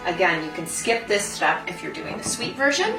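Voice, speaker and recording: This food designer and cooking host has a lowish, gravelly voice with big pitch swings, and she talks at a moderate pace while teaching a recipe step by step in her cooking demo. Music runs underneath, and the distant mic picks up plenty of room echo.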